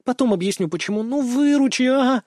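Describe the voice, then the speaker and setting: A man's voice: high-pitched, fast talker, a little mellow, no echo, clean studio sound, voice pushed up, natural voice. A man voicing a cheerful, pushy young woman who chatters and wheedles in an audiobook. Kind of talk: audiobook narration.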